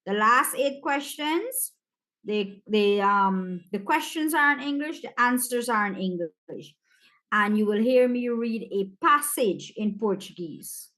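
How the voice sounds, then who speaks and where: A woman with a Caribbean accent takes her students through a practice exam, speaking to them directly. She talks at an unhurried, slow pace in a slightly high voice. Her manner is relaxed and chatty. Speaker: teacher.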